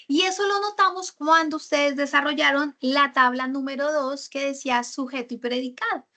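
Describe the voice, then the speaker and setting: A woman's voice: high voice, pushed and bright. A woman teaching a writing workshop, explaining grammar with example sentences and often checking in with "right?" and small fillers. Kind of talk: online writing workshop lesson.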